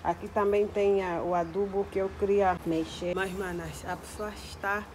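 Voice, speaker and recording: A woman's voice: mid-range voice, fairly even intonation, normal speed, a little mellow, slight background noise. A young woman, chatting to her viewers from her apartment and balcony, tired after cleaning. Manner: chatty, addresses viewers as sisters. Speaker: vlogger. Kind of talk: casual chat to camera. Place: apartment and plant-filled balcony. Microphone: phone at arm's length.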